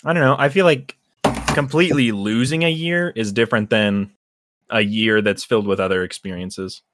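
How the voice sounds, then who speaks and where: A man's voice: lowish voice, normal speed, noisy background. A young man in casual banter with friends, teasing and rambling through his thoughts. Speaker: friend in a group chat.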